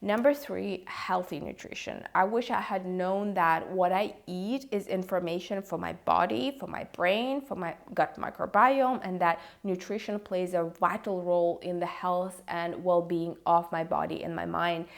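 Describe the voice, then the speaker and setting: A woman in her thirties speaks in a slightly low register. She shares personal advice straight to her listeners, looking back with a reflective, regretful manner. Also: a little slow, creaky, hardly any pauses. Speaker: video creator sharing pregnancy advice. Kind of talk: personal advice monologue to camera.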